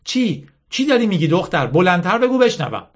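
A man's voice: high-pitched, sing-song, voice pushed up. A man voicing a bitter, scornful teenage girl who leads an army, lecturing with hammering rhetorical questions.

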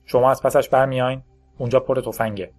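A man voicing a calm male vampire gunman who speaks in quiet, flat, understated threats. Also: mid-range voice, faint music behind, lightly acted. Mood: cold.

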